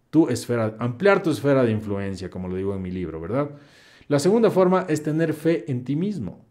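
Reading chat questions aloud during a live stream, a young man answers in a blunt and preachy way, full of slang. His voice is medium-pitched with a dark tone.

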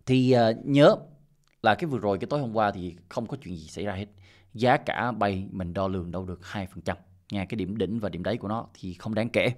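A middle-aged man with a fairly low voice talks his viewers through market charts in a relaxed, unscripted way. He keeps dropping in "ok" and small hesitation sounds and often circles back on himself. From Vietnam. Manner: loose and repetitive, peppered with "ok" and "à" fillers. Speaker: crypto channel host. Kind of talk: casual screen-share market commentary.

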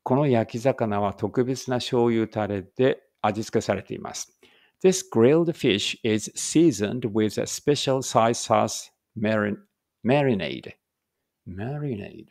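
Gravelly-voiced man reading English slowly. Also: lowish voice, darkish tone, dry recording, clean studio sound. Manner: reads Japanese then slow careful English, pausing to check pronunciation. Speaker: English teacher. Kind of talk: read-aloud English lesson.

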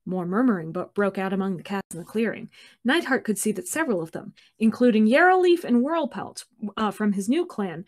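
A woman's voice: medium pitch, animated, brisk. A woman hosting a casual chat, reading book passages aloud and joking about them. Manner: reads quotes with small character voices, laughs often. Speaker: host.

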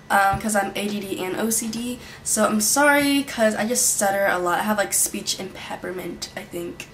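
A young beauty vlogger chats through her monthly favorites in a small bedroom, rambling with plenty of fillers and restarts. Her medium-pitched voice is a bit bright, picked up by a built-in camera mic at desk distance with a little hiss or hum.

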